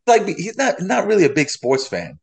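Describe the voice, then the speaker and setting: A man's voice: high voice, huge pitch swings, fairly quick, breathy edge. A man in his forties, a podcast guest telling rambling stories in casual chat, full of fillers. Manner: rambling storytelling with many fillers.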